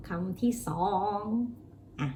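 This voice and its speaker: A woman English teacher with a Thai accent, chatting casually about her practice and slowly drilling English words over and over. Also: dark tone, slight background noise. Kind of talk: casual vlog-style pronunciation lesson.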